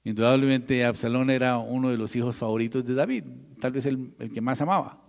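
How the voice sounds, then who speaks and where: A male pastor preaching a sermon in a church. He tells the story dramatically, swinging from loud, raised lines to hushed ones. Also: medium pitch, fairly quick, gravelly, in a large hall.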